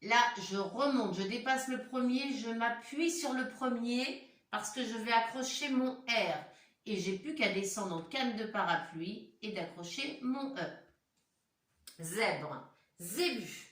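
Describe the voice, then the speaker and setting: A woman's voice: on the high side, lively intonation, fairly bright tone, distant mic. A woman primary school teacher guiding young children stroke by stroke through a handwriting lesson. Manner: slow, step-by-step dictation of letter strokes. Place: room at home. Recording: roomy echo, voice from off the mic.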